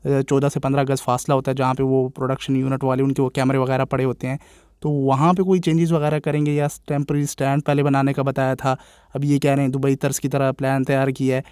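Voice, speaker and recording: A man's voice: medium pitch, little pitch movement, quick pace, darkish tone, smooth, no echo, studio quality. A man with a Pakistani Urdu accent, a cricket vlogger giving casual, exasperated commentary straight to his viewers. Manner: opinionated, exasperated, addresses viewers as brother.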